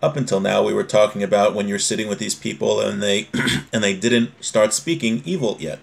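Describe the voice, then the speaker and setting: In a small room at home, a man in his forties teaches an informal religious lesson in a lowish, creaky voice at a fairly quick pace. He reads aloud and explains, frequently repeating and rephrasing himself.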